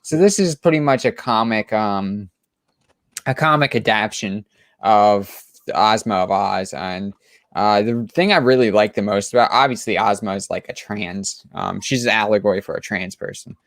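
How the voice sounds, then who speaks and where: A man's voice: on the low side, moderate pace, fairly bright tone, no room sound, studio quality. A man co-hosting a comic book chat show, talking casually and enthusiastically with lots of restarts and fillers.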